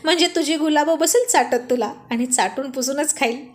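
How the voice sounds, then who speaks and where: A woman's voice: sits high, normal speed, lightly acted. A woman reading the lines of a young man who cracks a teasing joke. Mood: joking. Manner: joking, teasing. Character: laughing young male friend, joking.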